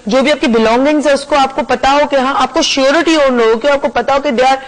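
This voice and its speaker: A woman's voice: high voice, fast talker, rough recording. A woman hosting a television talk show, chatting casually and slipping English phrases into her talk.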